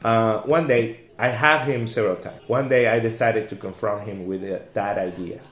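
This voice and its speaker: A man's voice: on the low side, steady tone, moderate pace. A man from a volunteer first aid squad telling stories in casual talk, animating the people he quotes. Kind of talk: casual storytelling. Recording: roomy echo.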